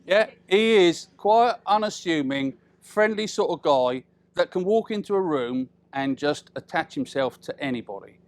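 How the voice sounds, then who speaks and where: A middle-aged British man giving an informal, humorous wedding speech as father of the bride, chatty and teasing, with deliberate pauses and tag questions. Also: fairly high pitch, animated, no echo.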